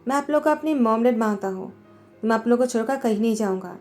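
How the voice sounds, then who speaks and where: A woman reading the part of a young husband who is hurt yet refuses to give way. Her delivery is insistent and pleading, slightly high and mellow, with faint music running under the storytelling recap. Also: quick pace, close to an everyday voice. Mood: earnest.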